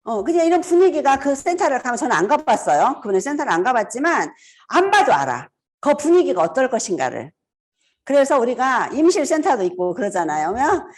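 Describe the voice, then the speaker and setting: Animated woman in her fifties. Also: high voice, a little fast. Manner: animated, acts out greetings, laughs often. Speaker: seminar speaker. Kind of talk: casual seminar talk.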